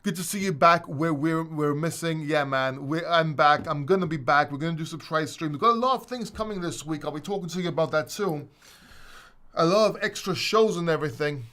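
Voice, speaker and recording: A man's voice: fairly high pitch, a little fast, fairly bright tone. A man from Greece hosting a casual live stream, chatty and rambling, a little winded. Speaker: host.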